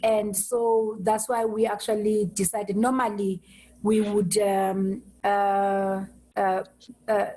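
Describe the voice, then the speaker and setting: A woman hosting an online meeting over a video call, speaking haltingly and restarting her words often. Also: mid-range voice, level tone, dark tone, rough recording. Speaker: host.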